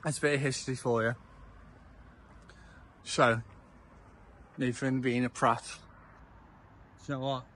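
A man's voice: medium pitch, little pitch movement, measured pace, pauses often, a bit bright, slight background noise. A young man, chatty and a little tipsy, rambling and repeating himself as he films a walking vlog on town streets with a handheld phone. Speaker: vlogger. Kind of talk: casual walking vlog commentary. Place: outdoors on town streets at dusk.

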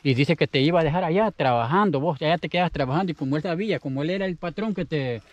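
A man's voice: a little high, racing, dry recording, dull audio. A Salvadoran man telling a story in casual, rambling speech, often repeating himself. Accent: Salvadoran Spanish. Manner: chatty, rambling, repeats his words. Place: outdoors in the countryside.

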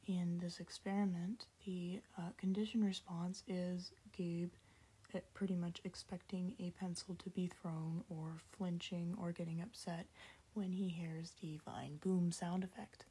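A young woman explaining a class project in a tired, half-whispered voice, deadpan and sarcastic. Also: lowish voice, husky. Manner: sarcastic, deadpan self-mocking. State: tired, late at night. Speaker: student presenting a class project. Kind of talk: casual explanatory voice-over.

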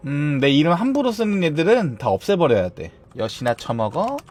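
A man chatting as he streams a game, playful and theatrical. His voice sits fairly high and leaps all over the place, from squeals down to gruff mock scolding. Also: big pitch swings, normal speed, a little mellow, slight background noise. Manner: playful, theatrical, swings between shrieks and mock-stern grumbling. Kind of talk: casual game streaming chat.

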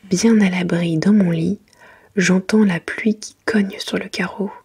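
A woman reading a children's picture book in a soft, gentle whisper, as ASMR for bedtime. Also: mid-range voice, steady tone, unhurried. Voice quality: breathy, mostly whispered soft voice.

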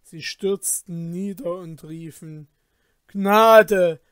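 A man in a Santa Claus persona reading a classic fairy tale aloud, in calm, even narration. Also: fairly high pitch, slow, no room sound, clean studio sound.

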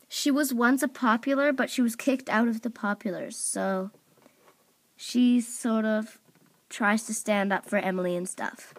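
Speaking from off-camera in a slightly high voice, a woman hosts voice auditions for her channel, introducing toy characters arranged on a table indoors at home. She wanders through it casually, leaning on "um" and "like" and correcting herself, while a phone or camera mic catches slight background noise.

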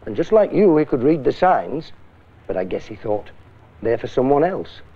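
A husky, dark-toned male voice in the mid range, very animated and at normal speed, portrays a blunt, stern middle-aged British science teacher. He questions and cautions a class with emphatic reproach. It's a muffled, thin recording from an old public information film.

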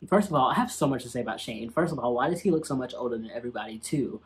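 A man's voice: mid-range voice, lively intonation, rapid-fire, husky. A young man giving casual, slangy and sassy commentary as he reacts to an old TV episode.

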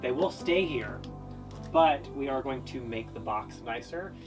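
A young man talks through plans for his small boat in a relaxed, wry way. His voice sits a little away from the camera mic inside a wooden cabin. Music plays clearly underneath. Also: medium pitch, measured pace. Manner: relaxed, dry joking, explaining plans. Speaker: boat-owning video host. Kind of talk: casual chat, boat tour. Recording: voice a bit distant, music behind.

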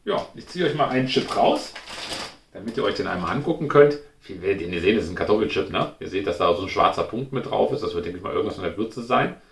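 Talking quickly with lively intonation, a man with a lowish, slightly bright voice hosts a casual snack taste-test review, thinking out loud. He's indoors at home in front of a glass cabinet, and the sound picks up a roomy echo and clear background noise.

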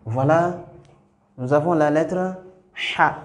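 Man, patient Quran teacher, very slow delivery, echoey room. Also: a little high. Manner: slow, patient, repeats sounds for learners to copy. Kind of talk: step-by-step lesson on Arabic letters.

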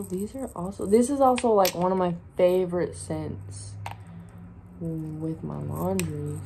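A woman's voice: on the low side, warm tone, slight background noise. A woman, chatting casually to her camera in a hotel room about a haul and her plans. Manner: chatty, drawn-out, upbeat sign-off. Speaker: vlogger. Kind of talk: casual vlog talk to camera. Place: small hotel room indoors.

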